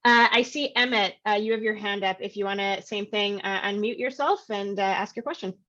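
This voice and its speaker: A woman moderating a question session on a video call, brisk as she hands over to the next speaker. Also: medium pitch, a bit bright. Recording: lo-fi, distant video call audio.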